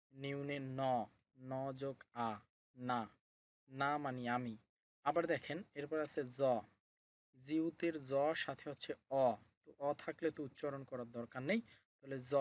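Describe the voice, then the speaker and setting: Male tutor with a slightly high voice who builds up each word syllable by syllable. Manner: slow, repeats and spells out each syllable. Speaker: language teacher. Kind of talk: explaining Korean pronouns in a lesson.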